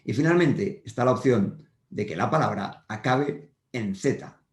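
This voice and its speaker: With an expressive, mid-range voice and a measured pace, a primary school teacher leads schoolchildren through a grammar lesson on the whiteboard. He's patient, restates each point, and often checks in. There's a roomy echo to the sound.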